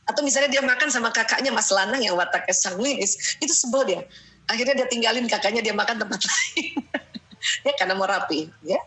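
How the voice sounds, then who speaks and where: A middle-aged woman gives an animated lecture on parenting and family life. Her voice is bright, forceful and slightly high. She laughs often and keeps checking in with her listeners with a quick "ya". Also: slight background noise, rough recording. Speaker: parenting speaker. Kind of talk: lively lecture with family anecdotes.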